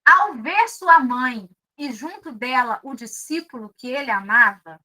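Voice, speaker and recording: A middle-aged woman with a Brazilian Portuguese accent preaching to a seminar audience in a bright, ringing voice. She talks in an intimate, pleading way, turning to her listeners often. Her pitch sits high for a woman. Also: expressive, a little slow, low-quality recording. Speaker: speaker at a spiritist seminar. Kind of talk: devotional talk.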